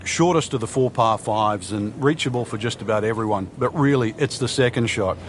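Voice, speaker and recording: A man giving golf commentary as an analyst, explaining play in a measured way. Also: lowish voice. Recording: faint background noise.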